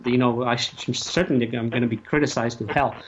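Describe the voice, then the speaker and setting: A man giving opinions as a radio interview guest, speaking haltingly and emphatically and repeating his phrases. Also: medium pitch, steady tone. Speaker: talk show guest and activist. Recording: muffled lo-fi audio, faint noise.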